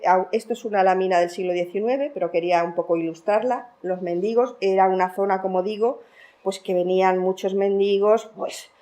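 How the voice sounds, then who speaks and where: A woman from Spain giving an academic conference talk, lively, with fillers and laughter between points. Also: medium pitch. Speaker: lecturer.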